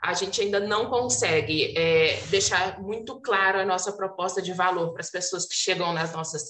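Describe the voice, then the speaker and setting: A woman founder explains her plans calmly on a video call. Her voice is lowish yet bright and forward. The sound is roomy and a little off-mic. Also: normal speed, recorded from a distance. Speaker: founder of a sportswear brand. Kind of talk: answering questions at a demo day. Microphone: video call with earphones.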